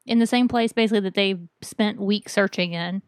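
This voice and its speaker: A woman's voice: mid-range voice, brisk, smooth, no echo, studio quality. A woman co-hosting a podcast, chatting casually and carrying the talk in long rambling turns. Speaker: podcast co-host. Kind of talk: casual chat.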